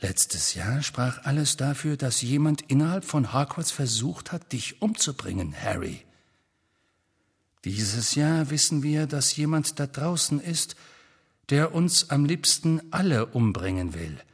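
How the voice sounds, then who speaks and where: A man reading an audiobook, voicing a rebellious grown wizard who speaks in a low, earnest, conspiratorial manner. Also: sing-song, unhurried, breathy edge, in a large hall, exaggerated voice.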